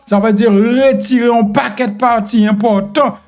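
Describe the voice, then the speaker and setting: A Haitian man delivers online news commentary in a notably high voice. He speaks straight to his viewers, often pausing on fillers and restarting his sentences. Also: steady tone, darkish tone, faint music behind. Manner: addresses viewers directly, many fillers and restarts. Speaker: news presenter.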